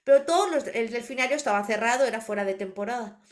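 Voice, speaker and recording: Una mujer con acento de España habla en un pódcast con un tono un poco alto. Narra con energía y se mete en sus anécdotas. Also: female voice, fairly high pitch, quick pace. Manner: animated storyteller, acts out quoted voices. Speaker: podcast co-host, animal communicator. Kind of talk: casual podcast conversation.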